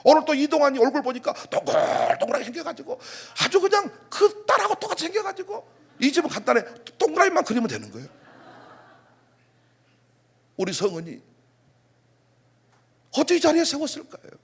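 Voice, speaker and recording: A middle-aged man preaching a sermon as pastor, animated, firing off rhetorical questions and sudden outbursts. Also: extremely high pitch, fast, creaky.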